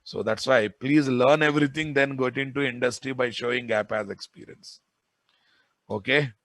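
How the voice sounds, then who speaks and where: A man's voice: mid-range voice, normal speed, a bit bright, no echo. A man with a Telugu Indian English accent teaching a live class as an instructor, informally, often repeating phrases and checking in with his listeners. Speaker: software programming instructor. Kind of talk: live classroom lecture with storytelling and dictation.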